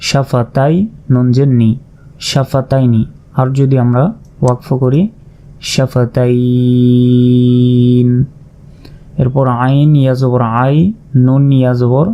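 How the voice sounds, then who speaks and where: A man teaching Quran recitation in a slow, methodical lesson, spelling out letters and vowel marks, then drawing out each word. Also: medium pitch, dark tone. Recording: dull lo-fi recording.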